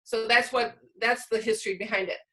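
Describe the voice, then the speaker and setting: Presenting over a video call, a woman with a fairly high-pitched voice runs an online workshop for teachers, walking through things step by step and asking her listeners questions. She speaks fairly quickly, with fairly even intonation and a pushed, bright tone, and the recording is rough.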